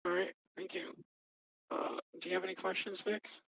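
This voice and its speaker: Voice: mid-range voice, level tone, moderate pace, vocal fry, fairly bright tone, no echo, low-quality recording. A person speaking through a voice changer, testifying defensively as the accused in a game-server mock trial. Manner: defensive, self-justifying.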